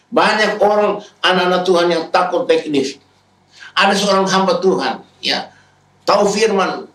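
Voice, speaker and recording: Male pastor preaching in a big church, slightly high voice, roomy sound. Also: a bit bright, recorded from a distance. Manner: preaching, retells scenes in raised voices. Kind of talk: sermon. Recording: echoey hall, speaker away from the mic.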